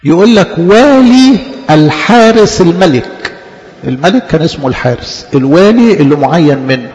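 An Egyptian priest with a high voice delivers a lively sermon, drawing out his key words and breaking into soft laughter. His voice rings with a long hall reverb, and the recording sounds muffled. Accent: Egyptian Arabic. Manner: animated preaching, stretching key words and laughing softly.

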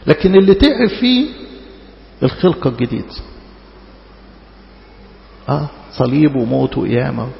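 A man's voice: on the high side, vocal fry, slight background noise. A man with an Egyptian Arabic accent preaches in a colloquial, conversational way, asking rhetorical questions and repeating words for emphasis. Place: large reverberant hall. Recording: muffled, echoey hall with long reverb.

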